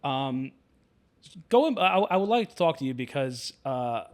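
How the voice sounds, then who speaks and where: A man's voice: mid-range voice, measured pace. A man hosting a podcast, talking casually and loosely with a lot of fillers and restarts. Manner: relaxed, chatty, many fillers and restarts. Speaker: podcast host. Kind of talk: casual conversation.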